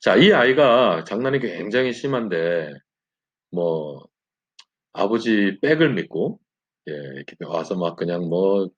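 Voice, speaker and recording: A man leads a Bible lesson with a slightly husky voice, telling his story with animated, wide-ranging pitch. He fills pauses with short affirming words. The recording sounds dull and lo-fi. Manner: animated storytelling with frequent "예" fillers. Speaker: Bible study teacher.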